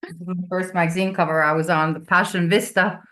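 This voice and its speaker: Her voice is lowish, a bit bright and steady, and she talks fast. She's a Finnish-speaking business coach raised in Venezuela, laughing frequently and repeating words as she begins, while chatting as a guest in a casual video call interview.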